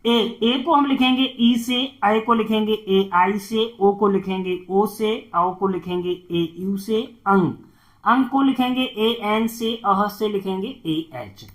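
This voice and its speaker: A man's voice: high-pitched, slow pace. A male tutor giving a spoken lesson, patiently spelling out letters and their sounds one at a time.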